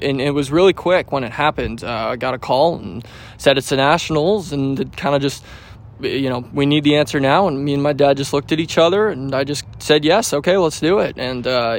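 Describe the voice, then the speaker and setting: This is a US baseball pitcher in his 20s fielding questions before a game. His answers are laid-back and meandering, packed with fillers and false starts.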